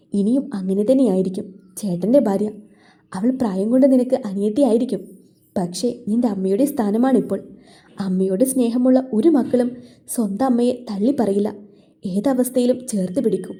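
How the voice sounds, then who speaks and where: A woman voicing a gentle, caring elder brother and husband who speaks softly and soothingly. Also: high voice, natural voice.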